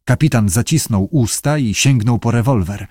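A man narrating an audiobook in an expressive storytelling manner. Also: mid-range voice, moderate pace, husky, dry recording, studio quality. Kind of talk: scripted narration.

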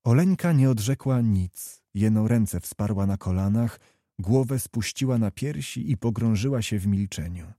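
A man narrating a classic novel in a measured storytelling manner. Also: fairly low pitch, lively intonation, warm tone, no room sound, clean studio sound. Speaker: audiobook narrator. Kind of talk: literary narration.

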